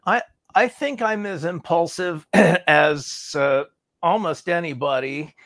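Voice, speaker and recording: Gravelly man with dry humor. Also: on the high side, a bit bright, no echo. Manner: quick, self-assured, dry humor. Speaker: guest, speaking coach. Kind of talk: conversational interview.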